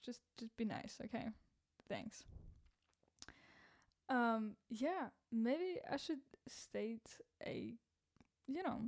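Chatty and young-sounding, this content creator runs a solo podcast in a loose, rambling way, mocking herself and laughing at her own jokes. Her fairly high pitch is cracky and slightly rough.

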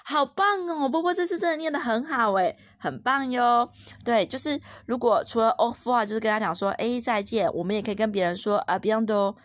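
A woman's voice: a little high, fairly quick, no room sound, clean studio sound. A young woman with a Taiwanese Mandarin accent, a mother patiently teaching her toddler French words at home, playful and encouraging. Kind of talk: home-recorded French lesson with a child.

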